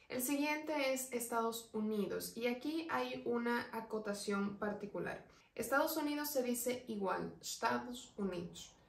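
A woman teaching an online language lesson, explaining patiently and slowing right down to spell out each example word. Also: a little high, vocal fry, recorded from a distance. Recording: roomy echo, voice away from the mic.

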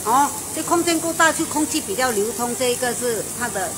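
Her pitch fairly high and her intonation lively, she moves briskly through a casual restaurant review. The speaker is a middle-aged Malaysian food show host chatting eagerly with the owner on site, using frequent fillers and exclamations amid restaurant noise.

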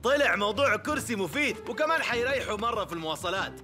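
An actor with a Hijazi Saudi accent voicing a goofy, carefree cartoon husband who giggles a lot. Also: male voice, sits high, expressive, rapid-fire, bright, forceful tone, soft background music. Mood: giggly. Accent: Hijazi Saudi Arabic. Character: goofy playful husband and father.

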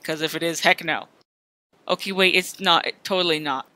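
A woman voicing a quiet, deadpan, unbothered boy in a cartoon comedy skit. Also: on the low side, normal speed, no echo. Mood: dry. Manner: deadpan, quiet, flat delivery. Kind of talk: animated comedy skit dialogue.

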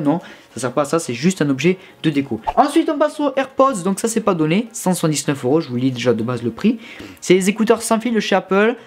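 A man's voice: fairly high pitch, darkish tone. Chatty young French-speaking tech reviewer man. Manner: chatty, informal, with many fillers and restarts. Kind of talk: casual product review. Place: his bedroom.

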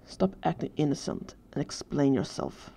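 A woman's voice: lively intonation, moderate pace, dark tone, breathy edge, exaggerated voice. Danny, a hissing teenage boy, read by a woman. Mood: threatening. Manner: low hissing threats. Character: cold, threatening teenage boy with ghost powers.

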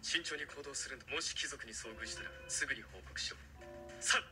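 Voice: mid-range voice, brisk, sharp tone, soft background music. An actor playing a stern ninja commander in a game, giving curt orders. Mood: commanding.

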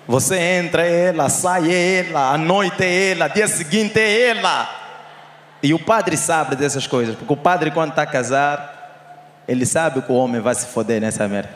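Angolan stand-up comic in echoey hall. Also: male voice, fairly high pitch, moderate pace, a little hiss or hum. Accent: Angolan Portuguese. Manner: loud crowd-teasing banter, shouted punchlines. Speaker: stand-up comedian. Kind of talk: live stand-up comedy. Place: live comedy show on stage.

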